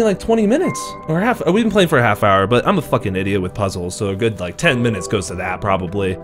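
A young man giving profane, excitable let's-play commentary, self-mocking and jumpy at scares. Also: medium pitch. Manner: excitable and profane, yelping in sudden alarm. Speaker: gaming video host.

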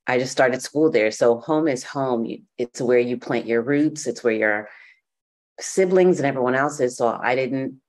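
A woman's voice: a bass voice, normal speed. Lady guest chatting about growing up, easygoing, lots of ums. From Bahamas. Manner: relaxed storytelling with frequent fillers. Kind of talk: podcast interview.

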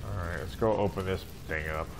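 A man's voice: deep voice, fairly even intonation, fairly quick, background noise. A man giving casual, sarcastic and crude commentary while playing a video game. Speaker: gamer streamer. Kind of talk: casual let's-play commentary. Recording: voice over game music.

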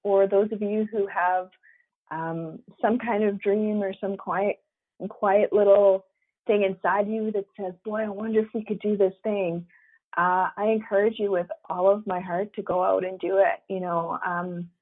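Woman author guest, lively storyteller with leaps in pitch, heard over a tinny phone line. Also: unhurried. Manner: animated storyteller, acts out quotes with big pitch jumps. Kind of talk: casual interview chat.

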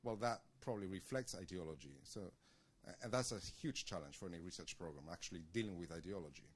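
Brief: lower-voiced man, audience questioner, measured and academic, stumbles over restarts. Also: lively intonation, husky. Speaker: audience member asking questions. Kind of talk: question at a panel discussion.

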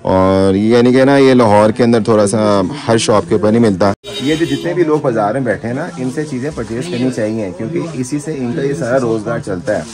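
A young travel vlogger talks a little fast, with few pauses, in a mid-range voice, filming on a handheld phone at a busy outdoor night bazaar. He chats casually and directly to viewers over street market crowd noise.

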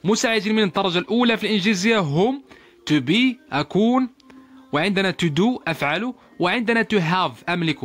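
Male English teacher with a higher-pitched voice; reads examples slowly, explains fast. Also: animated, a bit bright. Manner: switches between slow, carefully spoken English examples and quick explanations. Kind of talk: language lesson.

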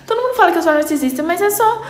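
A teenage girl chatting casually as she reacts to memes, playful and dramatic, jumping into high squeals. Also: expressive, quick pace. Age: teens. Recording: roomy echo.

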